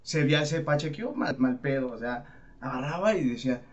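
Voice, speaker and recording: A man's voice: mid-range voice, animated, normal speed. A man with a Mexican accent, hosting a podcast and telling stories in slangy casual chat while laughing often. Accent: Mexican Spanish. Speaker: podcast host. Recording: slightly muffled with faint noise.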